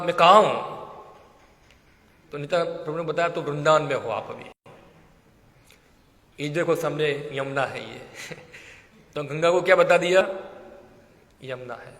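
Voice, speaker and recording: Male preacher, storytelling sermon, slightly high voice, roomy reverberant hall. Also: measured pace, pauses often. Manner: lively storyteller, acts out quoted voices, laughs often. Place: temple hall. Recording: echoey hall with long reverb.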